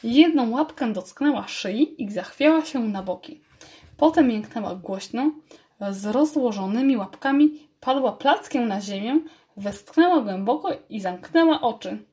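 Woman reading a storybook, fairly high voice, lively narration. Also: unhurried.

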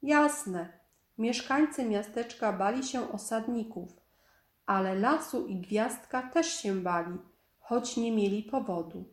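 A woman reading a children's story aloud in a calm, measured storytelling manner. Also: medium pitch. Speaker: storybook narrator. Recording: echoey room.

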